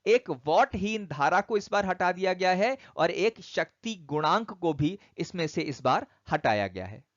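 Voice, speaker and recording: A man's voice: high voice, sing-song, measured pace, dry recording, dull audio. A man teaching physics online, walking students through syllabus topics and calling them children.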